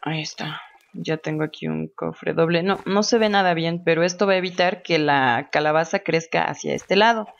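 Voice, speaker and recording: Gravelly woman chatting through gameplay. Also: deep voice, moderate pace. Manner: chatty, thinks aloud, laughs often. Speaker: gamer. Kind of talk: casual gameplay commentary. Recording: dull lo-fi home recording.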